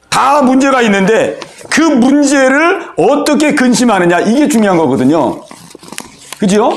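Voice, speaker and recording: A male pastor preaching an evening sermon. He acts out worried inner voices and heartfelt prayers, and calls on church members by name to ask for their amens. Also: high-pitched. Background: congregation answering amen.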